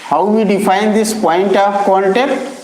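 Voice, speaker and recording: A man teaching maths, calling his students children and repeating key terms slowly. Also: high voice, steady tone, darkish tone. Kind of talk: classroom lecture. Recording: echoey classroom with long reverb.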